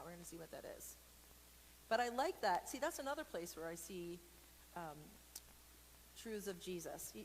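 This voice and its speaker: With a mid-range voice, an adult woman leads a picture-book reading for kids as part of an online church service. Her manner is chatty and playful, full of rambling, exaggerated asides for comic effect, and she keeps addressing viewers with questions. There's a long reverberant hall echo plus background noise.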